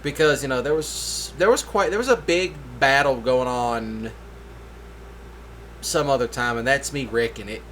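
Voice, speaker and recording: A man's voice: mid-range voice, a little slow, a bit bright, a little hiss or hum. A tired man rambling through a laid-back voice-over for his gaming video late at night, with yawns between thoughts. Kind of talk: casual voice-over commentary.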